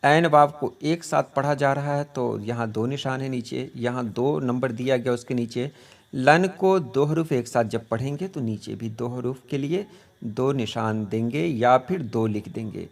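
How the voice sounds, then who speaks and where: A patient male teacher from India, talking at a middle pitch. He explains poetic meter step by step and slowly repeats words to drill their pronunciation. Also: gravelly. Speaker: Urdu teacher. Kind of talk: poetry meter lesson.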